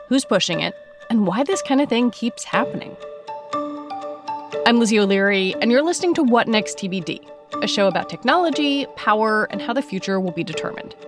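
A woman with an American accent hosting a podcast, moving between scripted narration and interview questions. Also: medium pitch. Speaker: podcast host.

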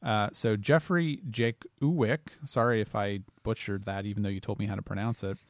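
A man's voice: fairly low pitch, steady tone, normal speed, no room sound, studio quality. A man co-hosting a casual podcast, chatting plainly and reading out listener reviews. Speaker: podcast co-host.

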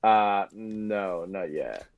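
A man's voice: on the low side, animated, extremely slow, dry recording. A young man in his twenties, a native Japanese speaker with a North American accent, answering interview questions hesitantly as a guest ice hockey player. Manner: hesitant, many fillers and restarts. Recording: dull lo-fi.

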